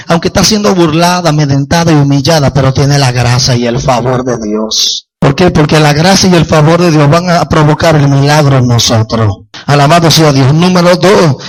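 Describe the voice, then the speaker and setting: A Dominican man preaching with a high, ringing voice. He delivers a fervent evangelical sermon in a church. He breaks into shouts of praise and turns often to address his congregation directly. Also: rough recording. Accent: Dominican Spanish. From Dominican Republic.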